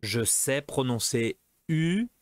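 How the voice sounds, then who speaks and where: A man's voice: medium pitch, animated, no echo. A man teaching a French lesson, going through exercises patiently and explaining in both French and Portuguese. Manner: slow, patient, drawn-out teaching delivery. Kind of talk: recorded language lesson.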